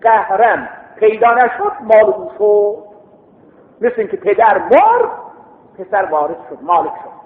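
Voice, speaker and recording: A man's voice: high voice, very animated. A man teaching a seminary class, explaining step by step, reciting Arabic text and quizzing his students. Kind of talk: classroom lecture. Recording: echoey hall, tinny lo-fi sound.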